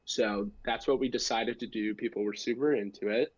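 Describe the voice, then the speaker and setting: A man's voice: lowish voice, steady tone, normal speed, breathy edge, no room sound, lo-fi sound. Casual young American man telling stories. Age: young adult. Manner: self-deprecating, joking, slangy. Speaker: guest, amateur stand-up comedian. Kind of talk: casual podcast storytelling.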